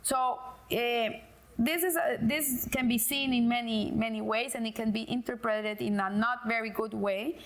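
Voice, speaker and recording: A woman's voice: on the high side, steady tone, normal speed. A middle-aged woman giving a casual religious lesson, hesitant, with many fillers and restarts. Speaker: Torah teacher.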